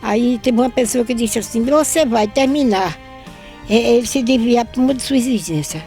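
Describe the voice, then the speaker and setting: A woman's voice: fairly high pitch, normal speed, dark tone, soft background music. An older woman from northeastern Brazil giving an emotional religious testimony about her son, often repeating herself and quoting others.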